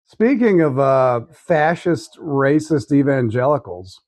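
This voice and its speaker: A man talking casually as a talk show host, with a halting, sardonic manner. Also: mid-range voice, sing-song, darkish tone, no room sound, studio quality. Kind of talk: casual chat.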